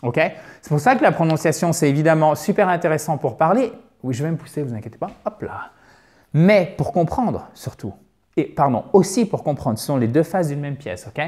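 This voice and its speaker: Man, English teacher, video lesson, lively, repeats words aloud. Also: fairly high pitch, fairly quick.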